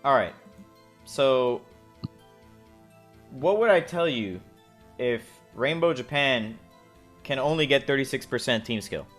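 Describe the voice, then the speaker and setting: A man co-hosting a casual gaming podcast, animated and teasing, sometimes acting out silly voices. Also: mid-range voice, takes it slowly, pauses often. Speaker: podcast co-host. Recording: faint music bed behind.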